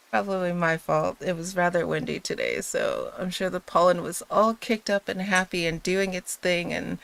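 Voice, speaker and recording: Her voice low and creaky over a rough recording, a freshly woken, drowsy woman hosts a livestream chat before bedtime reading. She giggles and rambles, using plenty of fillers.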